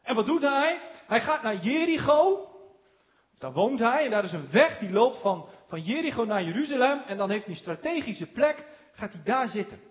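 Man with a very high voice, sermon delivery, stretches key words for emphasis, dull lo-fi recording. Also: big pitch swings. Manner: slows down on key words for emphasis, with small chuckles. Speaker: preacher.

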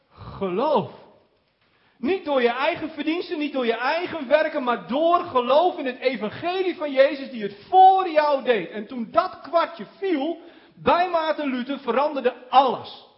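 A man preaching a sermon, slowing down on key words for emphasis and chuckling now and then. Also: extremely high pitch, expressive. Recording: dull lo-fi recording.

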